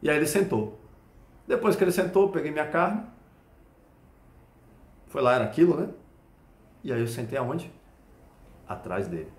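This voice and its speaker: A man's voice: a little high, normal speed, pauses often. Echoey Brazilian man telling a story. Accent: Brazilian Portuguese. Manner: animated storytelling with frequent checking questions. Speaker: Krav Maga instructor. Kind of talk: explaining with a personal story. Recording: echoey room.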